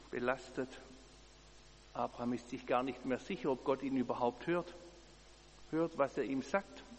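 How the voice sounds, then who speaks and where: Male preacher with a slightly raised pitch, earnest and measured, in a reverberant hall with faint hum. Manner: earnest, measured, emphatic repetitions. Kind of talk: sermon.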